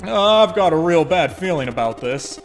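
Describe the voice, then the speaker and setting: A man reading a visual novel aloud, with expressive casual commentary and frequent swearing. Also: a little high, normal speed, soft background music. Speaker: game streamer.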